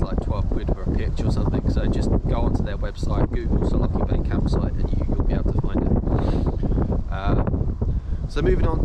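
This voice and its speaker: Rambling man vlogging outdoors in wind. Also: fairly low pitch. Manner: rambling, many fillers and restarts. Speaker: hiking vlogger. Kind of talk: casual tips to camera. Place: outdoors in a windy park by a tree. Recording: loud wind buffeting the mic. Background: loud wind noise.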